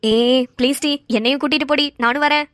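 A woman's voice: high-pitched, steady tone, a little fast, a bit bright, no room sound. A woman voicing a playful young college friend who coaxes her pal, close and dry. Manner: playful, coaxing.

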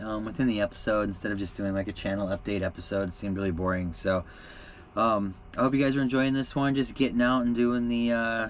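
A man's voice: lowish voice, slight background noise. A middle-aged man vlogging casually inside a small truck camper at night, chatty and laid-back, with frequent fillers and easy laughs. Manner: relaxed, chatty, laughs often, many fillers. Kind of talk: casual vlog talk to camera.

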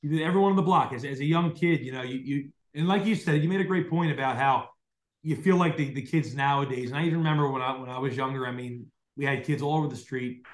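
At night in a dim room at home, a young man with a South Jersey accent runs a casual podcast interview over video call on a large desk mic. He talks fast at a medium pitch, rambling with many fillers and restarts. The audio is reverberant and low quality.

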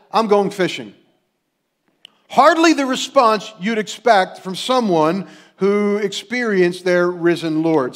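A middle-aged pastor preaches in a notably high voice for a man. He is earnest and unhurried, slowing down to let key words land. The delivery is a steady sermon to a congregation. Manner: earnest preaching with slow dramatic pauses.

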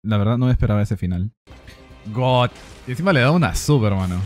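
A man streaming a game in casual chat, excitable, laughing often and repeating phrases. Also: fairly low pitch, a little fast, faint music behind.

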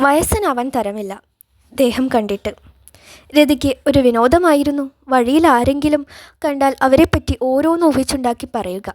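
A woman narrating a novel as an audiobook in a calm, measured voice. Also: sits high, dry recording.

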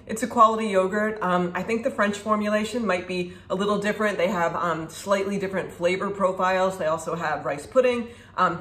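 Chatty woman in an echoey kitchen. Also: mid-range voice. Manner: chatty and upbeat, demonstrating food while talking. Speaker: food vlogger. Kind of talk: casual product review. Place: home kitchen, indoors. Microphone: camera at a distance, standing at a counter. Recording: echoey kitchen with faint ambience.

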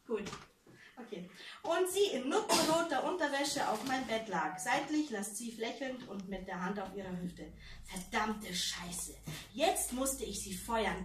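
A woman author reading her novel aloud at a fan meeting, with chatty, giggly asides. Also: on the high side. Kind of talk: live book reading with banter. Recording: roomy, distant mic, faint noise.

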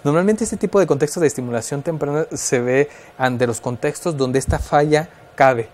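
A man's voice: a little high, moderate pace, a little mellow. Mexican man explaining child development. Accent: Mexican Spanish. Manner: thoughtful, explains with many fillers and restarts. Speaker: guest expert on child development. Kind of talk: explanatory radio talk.

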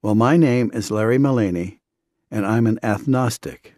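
A man's voice: on the low side, moderate pace, a little mellow, no room sound, clean studio sound, lightly acted. A man doing a lisping young college student. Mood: brash. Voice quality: lisp. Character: awkward young male student with a lisp.

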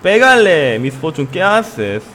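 Slow-talking man streaming a game. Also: slight background noise. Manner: excitable, bursts into high yelps and laughs. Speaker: gaming streamer. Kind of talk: casual live-stream commentary.

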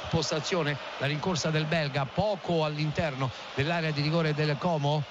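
A man's voice: fairly high pitch, fairly even intonation, moderate pace, lo-fi sound. A man giving live radio football commentary in an emphatic, dramatic, ornate way. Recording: loud stadium crowd noise behind voice. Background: stadium ambience.

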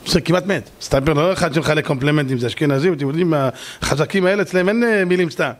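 A man with a high voice delivers a Torah lesson with dramatic storytelling. He talks emphatically, swings between hushed and forceful delivery, and acts out the characters in his tales. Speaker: rabbi.

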